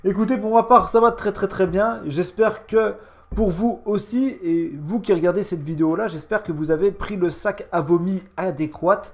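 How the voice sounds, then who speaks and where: A man's voice: high-pitched, moderate pace. A man hosting a casual, sarcastic game review in a mocking, slangy and emphatic manner. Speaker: gaming video host.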